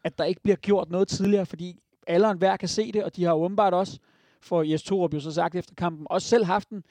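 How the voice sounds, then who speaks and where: A man's voice: high voice, fairly even intonation, a little mellow, no room sound. A Danish man giving strong opinions on football in a casual podcast chat, with many fillers. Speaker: podcast panelist.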